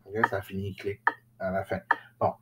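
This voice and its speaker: A man's voice: low-pitched, flat delivery, normal speed, heavy background noise. A man teaching a music lesson, patiently explaining each step and chanting rhythm syllables in time with a beat.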